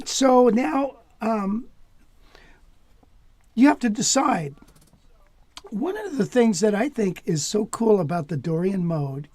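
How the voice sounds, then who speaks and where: A man teaching jazz guitar in a relaxed, casual way, sometimes dropping to a near whisper. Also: high-pitched, no room sound. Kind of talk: relaxed lesson talk.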